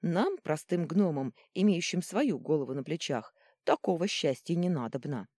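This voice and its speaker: A woman's voice: low voice, animated, moderate pace, mellow, dry recording, clean studio sound. A woman voicing a stern, formal older female gnome warrior who grumbles in an audiobook. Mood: grumbling. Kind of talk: audiobook reading.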